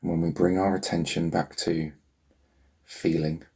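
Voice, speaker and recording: A man leading a guided healing meditation in a soothing, unhurried murmur, leaving long pauses between phrases, with a gravelly, husky voice. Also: deep voice, level tone, a little mellow.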